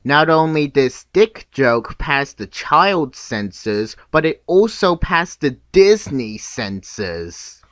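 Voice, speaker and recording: A man giving scripted, nitpicking video commentary in a deadpan, sarcastic manner. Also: on the high side, takes it slowly, hardly any pauses, no room sound, studio quality. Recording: clear background noise.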